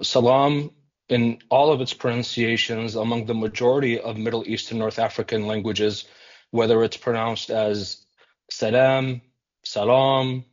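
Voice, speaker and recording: Man, mid pitch, earnest civic meeting remarks, measured, lots of fillers, slightly muffled recording. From United States. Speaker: community center representative.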